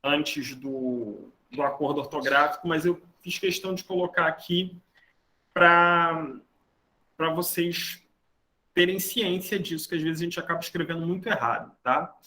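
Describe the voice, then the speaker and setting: A man's voice: a little high, fairly even intonation, measured pace, bright, forceful tone. A man teaching a grammar lesson to a class, explaining rules step by step and often checking that students are following. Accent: Brazilian Portuguese. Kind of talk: online grammar lecture.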